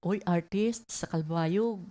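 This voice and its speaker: A woman's voice: fairly low pitch, slow, dark tone. A woman radio host reading community announcements, stumbling over words now and then.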